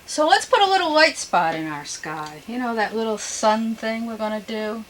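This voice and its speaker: A woman giving an unscripted painting demonstration as a gentle instructor, with homely, folksy, chatty asides. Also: a little high, animated, normal speed, a little hiss or hum, low-quality recording. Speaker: painting instructor and show host.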